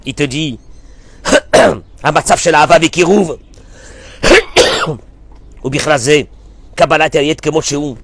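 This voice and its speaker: A rabbi delivers an impassioned sermon in French sprinkled with Hebrew phrases, swinging between loud bursts and soft murmurs. His voice is fairly high, his pace moderate with frequent pauses, and there's a little hiss or hum.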